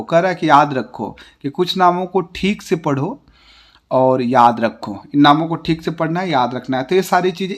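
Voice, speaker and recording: An Indian man teaching a classroom lesson, spelling words out letter by letter in a slow, patient way and dropping his voice at the end of each example. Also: fairly high pitch. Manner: ends each example with a falling tone.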